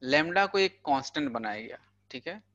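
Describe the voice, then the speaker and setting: Young male physics tutor, casual lecture voice, bright and forceful, slightly raised pitch, dull lo-fi recording. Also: animated, fairly quick, no echo. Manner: chatty, peppers talk with "thik hai" and "bhai"; explains with everyday money examples. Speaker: physics teacher. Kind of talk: casual Hindi lecture for exam prep.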